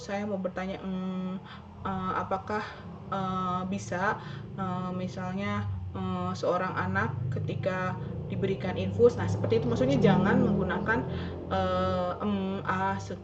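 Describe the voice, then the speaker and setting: Lower-voiced woman giving a recorded lecture. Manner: explanatory, many fillers and self-corrections. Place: home. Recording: dull lo-fi recording, faint background noise.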